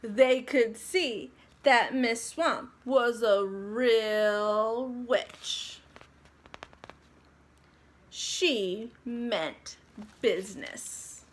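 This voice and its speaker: A woman reading a children's story aloud, with deliberate phrasing and expressive narration. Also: on the high side.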